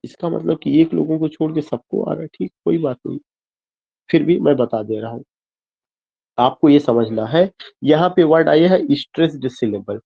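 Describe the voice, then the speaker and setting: In a web-class lecture with dull, lo-fi sound, a man with a slightly high, gravelly, slightly rough voice speaks at normal speed. He switches between Hindi and English, spells words out one letter at a time, and keeps answering his own questions to the class.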